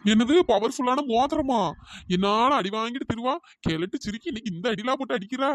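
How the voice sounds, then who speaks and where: A woman's voice: on the high side, fairly quick, no echo, natural voice. A woman voicing a tall, bickering cartoon husband who blusters and complains after being beaten. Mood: aggrieved. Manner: blustering, threatening, self-pitying.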